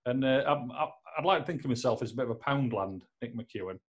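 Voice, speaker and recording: A man's voice: mid-range voice, quick pace, highs cut off. A man hosting a podcast from his home office, chatting casually and joking as he rambles with many fillers. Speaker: podcast host. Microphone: laptop.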